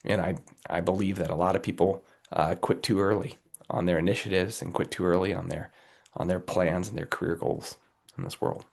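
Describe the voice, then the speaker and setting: A man with a cold speaks as an interview guest, his voice low and gravelly with a raspy edge. He talks earnestly and motivationally, repeatedly checking in with the listener. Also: fairly even intonation, fairly quick. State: has a cold, under the weather. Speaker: guest, company executive.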